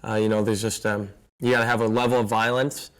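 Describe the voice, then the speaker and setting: A man's voice: lowish voice, little pitch movement, fast talker, clean tone. A man who is an assistant football coach, answering interview questions earnestly with many fillers. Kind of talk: casual interview.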